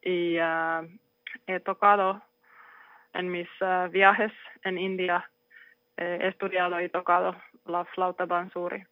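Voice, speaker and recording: A Finnish jazz saxophonist giving halting interview answers in a learned language, pausing often to search for words. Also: mid-range voice, little pitch movement, no echo. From Finland. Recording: tinny phone-like line.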